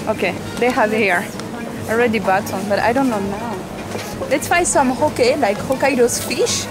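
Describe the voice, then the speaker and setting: A woman's voice: fairly high pitch, moderate pace, poor audio. A young woman hosting a vlog, chatting and explaining foods while shopping in a supermarket, laughing often, recorded on a camera held at arm's length. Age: young adult. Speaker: vlog host. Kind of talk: casual chat while shopping. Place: indoor supermarket. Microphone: handheld camera at arm's length. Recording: busy supermarket with loud music. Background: loud background music.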